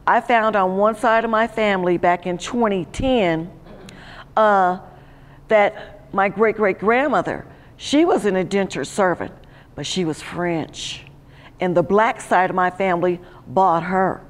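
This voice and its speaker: A middle-aged woman speaking emphatically about genealogy workshops, seated in a community center room. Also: mid-range voice. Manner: emphatic, preachy. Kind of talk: community talk. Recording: roomy hall echo.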